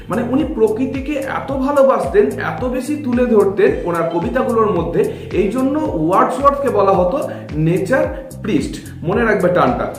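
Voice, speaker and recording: A male teacher introduces his literature lesson in a high, lively voice that rises and falls a lot. The room adds a noticeable echo. Faint music plays behind him. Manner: introduces the topic in a lively, instructive way. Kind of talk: explanatory lesson. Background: faint background music.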